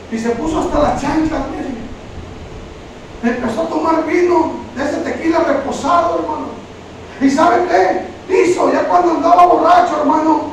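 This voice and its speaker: A man preaching a sermon, calling listeners brother over and over as he retells Bible stories. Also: very high-pitched. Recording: very echoey room, from far off, faint noise.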